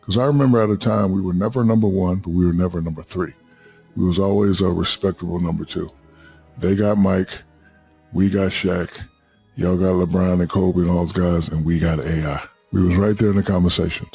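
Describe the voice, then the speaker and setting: A man's voice: deep voice, steady tone, fairly quick, mellow, breathy edge, soft background music. A man in his fifties, a podcast guest, telling rambling anecdotes in casual chat and swearing freely. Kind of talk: casual storytelling.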